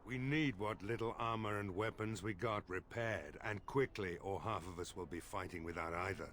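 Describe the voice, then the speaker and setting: A man's voice: lowish voice, normal speed, a bit bright, slight background noise, lightly acted. An actor playing a worried, blunt middle-aged male village mayor in a fantasy game, talking in a weary, pleading way. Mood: weary urgent.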